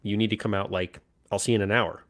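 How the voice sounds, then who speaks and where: A man's voice: on the low side, fast. A man, a podcast co-host telling a casual story and acting out the voices of the people in it. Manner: animated anecdote telling, acts out quoted voices.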